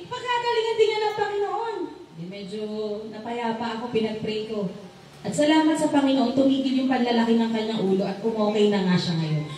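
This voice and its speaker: A woman's voice: on the high side, a little fast. A young woman gives a church testimony and preaches, calling out amen to the congregation in a church hall. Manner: preacherly call-and-response with frequent amen shouts. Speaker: church speaker giving testimony. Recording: echoey hall from far off.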